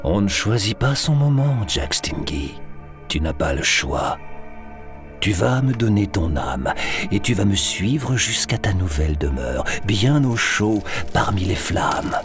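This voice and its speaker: Man acting a deep, slow, sly Devil. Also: big pitch swings, over music, full character voice. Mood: gloating, menacing. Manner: mocking, drawn-out, insinuating. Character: the Devil, sly, menacing, falsely friendly tall stranger. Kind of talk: French audio fiction acting.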